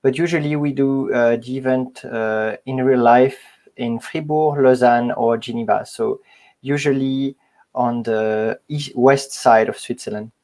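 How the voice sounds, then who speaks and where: A man's voice: medium pitch, fairly even intonation, a little slow, a little mellow. A man hosting an online web meetup, introducing the event with hesitant speech and many fillers, over a video call. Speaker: meetup host.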